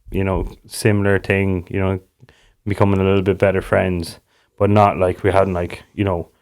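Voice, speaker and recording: A young man with a west of Ireland accent and a fairly low voice. He talks casually as an interview guest, telling stories in slangy, sweary speech full of "like" and "you know". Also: smooth. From Galway, Ireland. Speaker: podcast guest, business co-founder. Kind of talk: casual chat, anecdotal.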